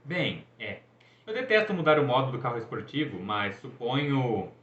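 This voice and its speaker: A man's voice: expressive, moderate pace, a bit bright, lightly acted. A man doing a cocky, boastful young sun god. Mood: showy, teasing. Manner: showy, teasing, high-spirited. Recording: echoey, dull room recording.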